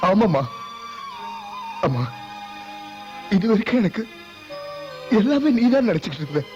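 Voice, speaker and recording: A man's voice: high-pitched, very animated, a little slow, darkish tone. An actor dubbing a grown son who grieves and rages at his birth mother, speaking with passion and repeating his lines. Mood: anguished. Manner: impassioned, pleading, repeating lines. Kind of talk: dubbed film acting. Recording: muffled film soundtrack with music.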